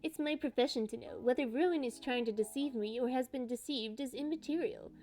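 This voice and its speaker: A woman's voice: high-pitched, brisk, dark tone, faint music behind, lightly acted. A woman voicing a condescending, bitter male antiques appraiser with a smug, patronizing manner.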